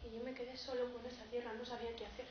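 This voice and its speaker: A woman's voice: on the high side, flat delivery, recorded from a distance, lightly acted. A young woman playing a grieving peasant farmer. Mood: somber. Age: young adult. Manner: broken, halting storytelling. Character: poor grieving male peasant farmer, tragicomic. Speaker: drama student. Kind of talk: stage monologue. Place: theatre stage. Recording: dull, roomy stage recording, noisy.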